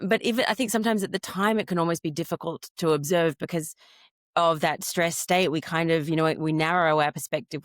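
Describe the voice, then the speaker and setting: A woman's voice: deep voice, dry recording, clean studio sound. A woman co-hosting a podcast, asking reflective, personal questions in a conversational way. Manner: warm, reflective, with fillers like "you know". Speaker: podcast co-host. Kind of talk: conversational interviewing.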